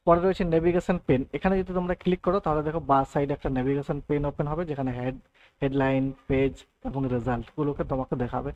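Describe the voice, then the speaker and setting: A man talks quickly through a software lesson, walking through each option one step at a time and often checking that his listeners are following. His voice sits a little high for a man, and the recording sounds muffled and lo-fi. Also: steady tone. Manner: explains step by step, often adds "thik ache" and "right". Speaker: computer tutor. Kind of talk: screen-recorded software tutorial.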